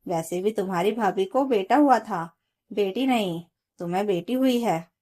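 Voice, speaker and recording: A woman's voice: mid-range voice, normal speed, warm tone, lightly acted. A woman storyteller voicing a stern, bossy mother-in-law who scolds her daughter-in-law. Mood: scolding.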